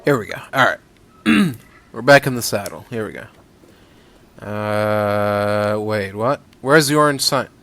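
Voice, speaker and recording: A man's voice: on the low side, expressive, slow, a bit bright. A man giving easygoing, chatty let's-play commentary, swearing casually as he plays. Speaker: gaming YouTuber.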